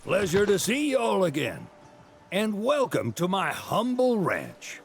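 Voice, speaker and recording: A man's voice: sits high, huge pitch swings, takes it slowly, vocal fry, faint music behind, heavily acted. An actor playing a genial, folksy old rancher in a video game, with a Southern American accent and chatty salesman's patter. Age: older. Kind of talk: video game character dialogue.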